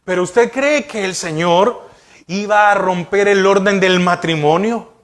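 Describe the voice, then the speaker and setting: A man's voice: sits high, a little slow. A male pastor preaching a sermon, asking the congregation rhetorical questions.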